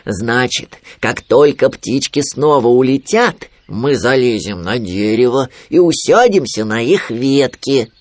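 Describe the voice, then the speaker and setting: A man voicing a gloomy young male bear in a storybook, drawing his words out slowly with sighs. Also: mid-range voice, animated, no room sound, natural voice. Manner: slow, sighing, drawn-out words.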